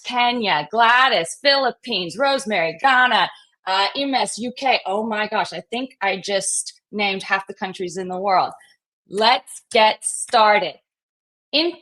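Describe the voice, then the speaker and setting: A woman's voice: mid-range voice, a bit bright. A woman hosting a live stream, upbeat and welcoming as she greets viewers and guests. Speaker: host.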